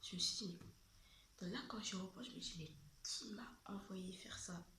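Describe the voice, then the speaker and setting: A woman's voice: medium pitch, moderate pace, sharp tone, echoey room. A woman telling a childhood story in casual, slangy chat, often dropping to a half-whisper.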